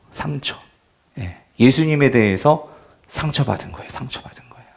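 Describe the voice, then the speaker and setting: A male pastor preaching an evening revival sermon in a church. He keeps asking the congregation questions and swings between loud emphasis and near-whispers. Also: medium pitch. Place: church sanctuary.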